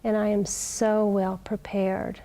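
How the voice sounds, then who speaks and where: Slow, mellow-voiced woman graduate. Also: mid-range voice, level tone. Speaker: massage school graduate. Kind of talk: testimonial interview.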